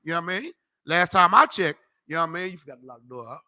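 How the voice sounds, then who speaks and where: Brief: profane street preacher, man, high, tense, cutting. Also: animated, rapid-fire, pushed and bright. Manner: brash, profane, mocking, tells people off. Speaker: street preacher teaching a class. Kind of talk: loud street-corner Bible teaching.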